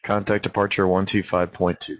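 A man's voice: sits low, flat delivery, fairly quick. A man working as an air traffic controller, giving clipped standard instructions over aviation radio. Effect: aviation radio transmission. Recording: muffled band-limited radio transmission.

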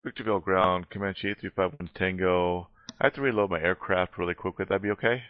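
A man's voice: deep voice, fairly even intonation, quick pace. A man speaking as a pilot, making aviation radio calls and reading instructions back. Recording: muffled, dull radio audio.

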